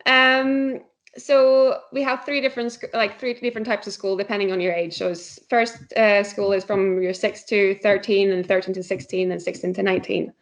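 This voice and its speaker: A woman in her thirties from Norway, a nutritionist chatting as a podcast guest in a relaxed way with many fillers. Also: mid-range voice, normal speed. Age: 30s. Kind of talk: casual chat. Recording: slightly dull lo-fi podcast audio.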